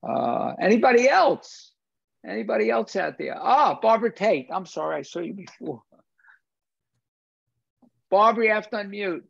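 Slightly rough and a bit bright, this male voice sits high with vocal fry, lively intonation, normal speed, and long pauses. He's an older film discussion host and lecturer in his 60s or 70s, emphatic and repeating phrases on a video call. The dry recording comes from a desk-distance computer, dull and lo-fi.

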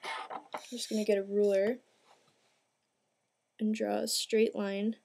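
Speaking slowly in a darkish, mid-range voice with little rise or fall in pitch, a young adult woman explains a craft step by step. She is a craft tutorial host, informal and plain-spoken, recording indoors in a small home room. It is an amateur home video with clear sound and audible background noise.

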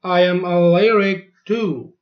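A man reads lesson phrases at a very slow, careful pace, repeating each one twice. His voice sits fairly high for a man. The recording sounds dull and lo-fi. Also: steady tone. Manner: each phrase spoken twice, clearly and deliberately. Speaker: language teacher.

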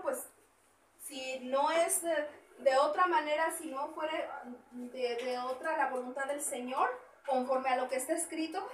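A middle-aged woman pastor, preaching a sermon and reading scripture, animated and repeating phrases. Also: high voice. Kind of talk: Spanish sermon with Bible reading. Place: small church hall indoors. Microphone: far camera, no mic. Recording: echoey room from far off with faint noise.

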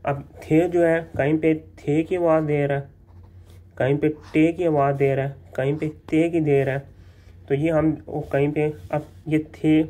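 A man teaching letter sounds in a casual spoken lesson, repeating each sound slowly and often checking in with the listener. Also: on the high side, warm tone. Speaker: language teacher.

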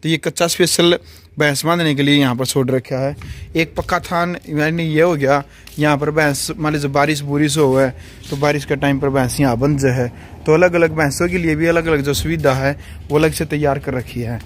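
A young man with a Haryanvi accent talks casually as he gives a vlog house tour. His voice is quite high, and he laughs often and points things out to the camera. There is faint outdoor ambience behind him. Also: steady tone, moderate pace, slight background noise. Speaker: vlogger giving a house tour. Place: rural house and courtyard, outdoors and indoors. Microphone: handheld phone mic.

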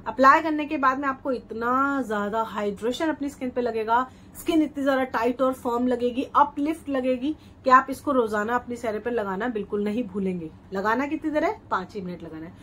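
A woman's voice: fairly high pitch, brisk, few pauses, a bit bright, a little hiss or hum. A middle-aged woman vlogger giving a chatty, persuasive home-remedy skincare tutorial, often repeating her steps. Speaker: beauty vlogger.

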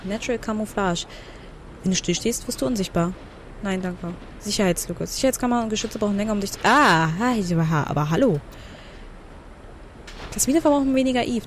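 A woman giving blind commentary on a video game, chatty, talking to the game and reading menu text out loud. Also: medium pitch, a little hiss or hum. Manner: thinks aloud and reads game menu text out. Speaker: let's player.

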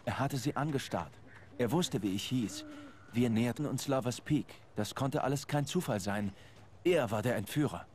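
Man acting a brooding narrator, mid-pitched. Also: a little mellow, slight background noise, natural voice. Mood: brooding, grave. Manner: measured, serious storytelling. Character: brooding, suspicious male writer recounting his ordeal. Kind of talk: scripted first-person game narration.

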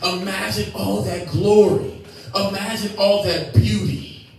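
On a church stage with glowing screens, a young male pastor paces and gestures with a handheld mic, stoking passion through repeated refrains. He speaks slowly in a high-pitched, level, darkish voice with vocal fry. The sound is echoey, recorded indoors by a camera far away.

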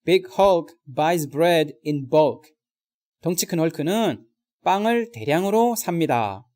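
Slow, lively male vocabulary teacher. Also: a little high. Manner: addresses viewers directly, slow drilled English example sentences. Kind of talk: recorded vocabulary lesson.

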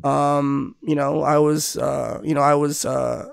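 A middle-aged podcast host, born in the Philippines and raised in Southern California, takes it slowly in a voice that is a little high, creaky, clear and resonant, keeping a level tone. His casual video-call interview rambles with many restarts and fillers. Captured via headphones and a webcam studio mic, it is studio quality with no echo.

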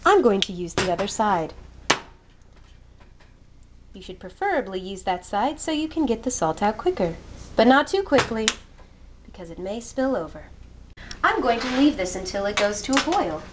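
A young adult woman with a mid-range, sing-song voice talks at a moderate pace, often pausing. She's moving around a small home kitchen, giving a chatty, jokey, self-mocking cooking how-to, recorded with noisy home audio on a handheld camera whose mic moves.

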